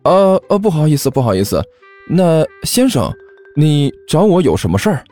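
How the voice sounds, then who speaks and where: A man voicing a cheeky male student who loudly plays innocent and protests. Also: high voice, wildly swooping pitch, moderate pace, soft background music, pitched above the performer's own voice, full character voice. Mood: indignant.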